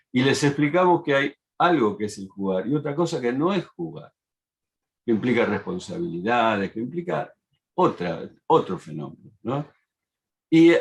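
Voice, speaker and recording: A middle-aged man, talking in a measured, explanatory way and often pausing on fillers. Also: mid-range voice. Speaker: panelist. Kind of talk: reflective talk.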